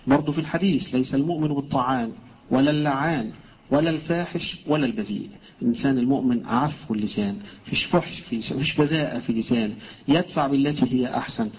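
Guy preaching a lesson, slows down for the quotes, mid pitch, muffled recording. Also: a little mellow, slight background noise. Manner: explains plainly, slows to recite quoted texts. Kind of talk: religious lesson. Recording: dull lo-fi recording.

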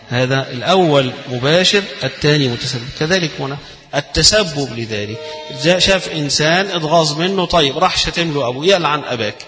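A man's voice: a little high, a bit bright. A man with an Egyptian accent giving a religious lesson. He moves between classical recitation and colloquial explanation and raises his voice when quoting. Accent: Egyptian Arabic. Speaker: Islamic scholar teaching hadith. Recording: long hall reverb.

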